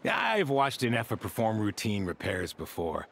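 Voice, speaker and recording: An actor voicing a calm, reserved male watchman in a video game, speaking in a measured way. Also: fairly low pitch, slight background noise.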